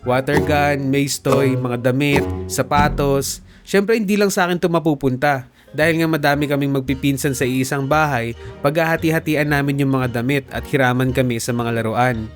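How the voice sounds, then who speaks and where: A young man from the Philippines narrating a comedic storytime for an animated video, with playful jokey asides to viewers. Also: medium pitch, moderate pace. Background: background music.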